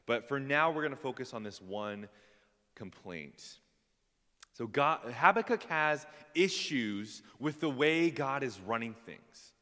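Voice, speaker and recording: A man's voice: medium pitch, expressive, slow pace, sharp tone. A man preaching a casual, self-deprecating sermon to his congregation, with plenty of fillers. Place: church hall. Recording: long hall reverb.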